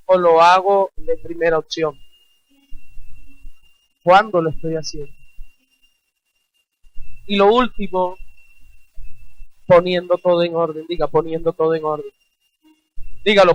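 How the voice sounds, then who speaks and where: A male pastor preaching with a high, ringing voice, recorded dry and close with almost no room sound. He drives his point with rhetorical questions and emphatic repetition. He calls on the congregation to say his lines back. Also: fairly bright tone, no room sound, dull audio. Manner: exhorting, has the congregation repeat phrases. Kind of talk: sermon.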